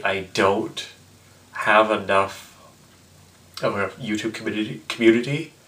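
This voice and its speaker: A man in his twenties vlogs in a lowish voice, audibly tipsy. He rambles in a casual, halting way, circling back over his own words. Small asides come out with mock indignation. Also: fairly bright tone, poor audio. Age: 20s. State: tipsy from drinking. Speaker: vlogger. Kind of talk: casual rambling vlog to camera. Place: small indoor room with block wall, seated close to camera.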